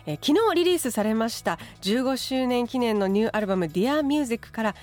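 A woman hosts a radio show from the studio, her pitch moving in an animated way. She listens closely and drops in quick interjections, with faint music behind her. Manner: lively, attentive, frequent interjections. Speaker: radio host. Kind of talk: radio talk show hosting.

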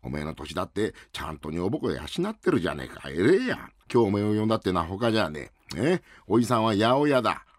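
A man voicing a bossy older uncle who runs a greengrocer, scolding in rough old-fashioned speech, in rakugo storytelling. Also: lowish voice, very animated, quick pace, few pauses.

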